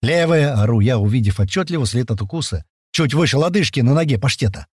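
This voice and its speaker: A man's voice: medium pitch, animated, quick pace, a little mellow, husky, no room sound, studio quality. A man reading a first-person adventure story in a colloquial, storytelling way. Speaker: narrator. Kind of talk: first-person audiobook narration.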